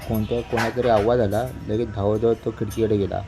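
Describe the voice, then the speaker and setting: A man's voice: on the low side, flat delivery, fast talker, over music, poor audio. A man giving casual vlog commentary at home, repeatedly pointing things out as he shows off his dog. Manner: chatty, repetitive pointing-out. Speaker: dog owner showing his dog. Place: at home indoors.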